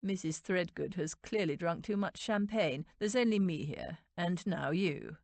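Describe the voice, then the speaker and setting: A woman's voice: on the low side, expressive, a little slow, gravelly, a little mellow, dry recording. A woman narrator voicing an arrogant duke with a dry, disdainful drawl in a romance audiobook. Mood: disdainful, smug.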